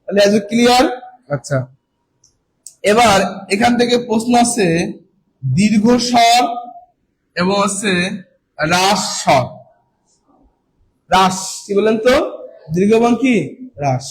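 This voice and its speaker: High-voiced male teacher quizzing his class. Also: animated, slight background noise, poor audio. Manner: keeps quizzing students with rhetorical questions, then answers himself; drawn-out, emphatic stressing of key words. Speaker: coaching teacher. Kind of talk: classroom lecture.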